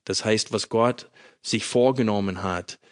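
A man preaching a sermon, reading scripture and explaining it in a slow, measured way with emphatic pauses. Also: lowish voice, smooth.

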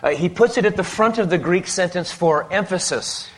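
Male preacher, slightly high voice, clipped emphatic phrases, waits on an interpreter between lines. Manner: pauses phrase by phrase for translation, emphatic. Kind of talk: sermon with live interpreter.

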